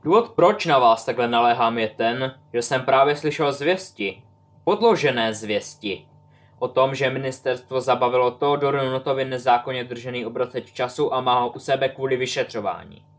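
A man's voice: mid-range voice, natural voice. A man doing a bitter grieving old wizard. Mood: pleading. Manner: insistent, pleading.

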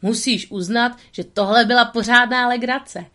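Tramp, a woman doing a cocky stray dog. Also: sing-song. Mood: playful, cocky. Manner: playful, teasing, louder and higher than her narration. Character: carefree, cocky young male stray dog. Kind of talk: storybook narration.

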